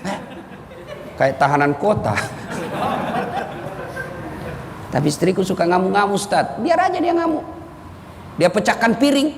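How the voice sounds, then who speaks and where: A man's voice: sits high, lively intonation, unhurried, long pauses. A man giving a humorous sermon to a live audience, teasing listeners and acting out quoted wives and mothers. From Indonesia. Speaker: preacher. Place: large hall with a live audience. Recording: long hall reverb, faint background noise.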